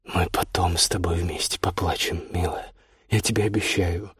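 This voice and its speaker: A man voicing a tough male pilot who speaks low and soothingly to a crying woman. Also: steady tone, fairly quick, slightly rough, no echo, clean studio sound. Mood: tender. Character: tough male helicopter pilot gone tender.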